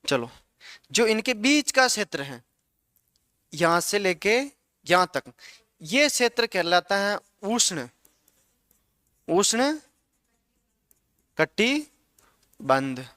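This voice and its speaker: Male teacher, high ringing voice, dry close sound, drills the class with repeated questions. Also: lively intonation, slow, pauses often, pushed and bright, smooth, no echo. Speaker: geography teacher. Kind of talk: classroom lecture.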